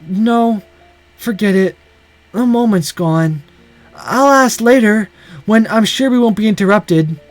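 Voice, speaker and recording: A man's voice: high voice, slow, long pauses, faint music behind, voice pushed up. A man voicing a prim, chiding female student council member in a visual novel. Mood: cordial.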